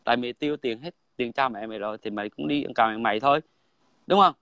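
A man's voice: mid-range voice, quick pace, fairly bright tone, no room sound. A man, talking bluntly and crudely in a heated casual chat, again and again asking "right?". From Vietnam. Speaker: guest in online livestream chat.

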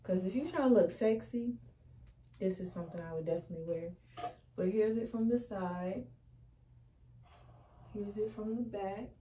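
A woman's voice: medium pitch, normal speed, long pauses, dark tone, rough recording. A young woman, chatting through a clothing try-on haul in her bedroom, sassy and full of slang. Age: young adult. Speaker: fashion vlogger. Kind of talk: casual try-on haul chat. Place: small bedroom indoors. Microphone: camera across the room.

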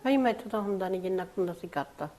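A woman's voice: mid-range voice, rapid-fire, warm tone. An older woman playing a mistreated mother-in-law in a family drama, with a plaintive, weepy way of complaining. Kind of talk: amateur family drama acting.

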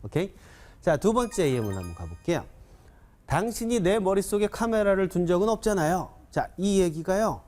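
A man teaches an English writing class on video, coaxing his learners with quick questions and slow spoken drills. His voice sits a little high and swings widely as he talks. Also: soft background music. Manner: animated, coaxing, keeps asking students questions; repeats drills slowly, counts learners in. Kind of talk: classroom-style video lecture.

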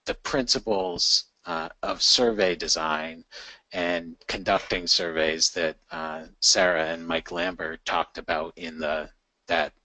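A man with a low, bright-edged voice walks participants through survey design in a live online session. He talks loosely, with plenty of ums and restarts. The sound is dry and close. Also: no room sound, rough recording. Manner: conversational, many fillers and restarts. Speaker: session facilitator. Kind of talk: live webinar teaching.

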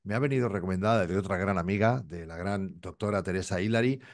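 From a home office hung with framed posters, a middle-aged man hosts a video-call interview in a low, fast voice. He is chatty and joking and asks long, run-on questions.

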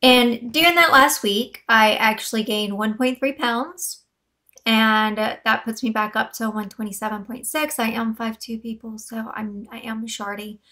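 Woman vlogger, a little hoarse, fairly high voice, casual and rambling, talking straight to viewers. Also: fairly even intonation, normal speed, sharp tone. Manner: chatty, rambling, with many fillers and restarts. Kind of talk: casual weight-loss update vlog.

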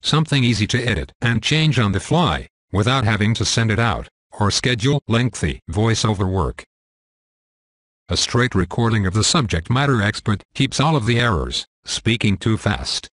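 A man's synthetic text-to-speech voice, slightly robotic, reading scripted narration with crisp, formal diction. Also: lowish voice, dry recording, studio quality.

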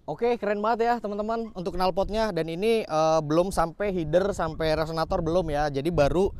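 A man's voice: sits high, fairly quick, a little mellow, clear, resonant tone. A man giving a casual, enthusiastic walkaround of a modified car, showing off each upgrade and repeating his praise. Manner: enthusiastic, repeats "keren banget nih" and "teman-teman". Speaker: car workshop vlogger.

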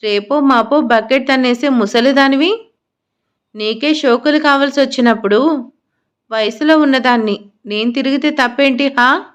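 A woman's voice: high voice, moderate pace, lightly acted. A woman voicing a defiant, scornful young wife. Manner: sharp, scornful.

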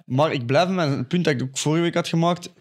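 A young Flemish man chatting casually and telling a story, animated and full of restarts. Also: on the high side, fairly quick. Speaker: podcast co-host, footballer. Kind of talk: casual chat.

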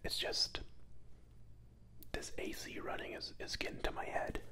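A man's voice: unhurried, bright, forceful tone. A young man from Florida whispering a rambling, self-doubting ASMR chat close into microphones. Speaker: ASMR creator. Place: small home room with neon lights, indoors. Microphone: two studio mics close on either side.

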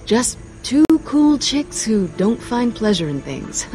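An actress playing a sarcastic, quick-witted young woman in a video game, dry and flippant. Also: fairly high pitch, sing-song, dark tone.

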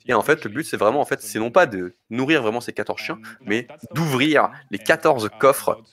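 A man's voice: medium pitch, a bit bright. Guy commentating a speedrun live, walks through the tricks bit by bit, lots of restarts, some jokes. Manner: explains technique step by step, halting restarts.

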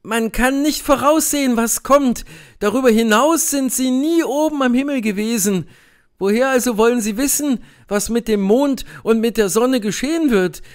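A man's voice: very high-pitched, moderate pace, clean tone, pitched above the performer's own voice. A man putting on a scornful older mother. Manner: scornful, emphatic. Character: scolding older mother, dismissive, skeptical.

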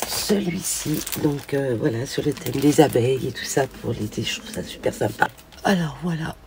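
An older woman with a hoarse voice, chatting through a craft haul and gushing over each find with many fillers. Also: deep voice, background noise. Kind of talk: casual show-and-tell haul.

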